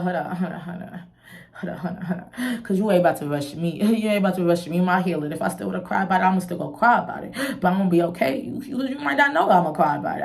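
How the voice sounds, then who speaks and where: A young woman in a candid, casual vlog talk, expressive and chatty, swinging between quiet musing and bright laughing bursts. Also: medium pitch, creaky. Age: young adult. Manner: candid, expressive, peppers talk with "you feel me". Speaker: vlogger.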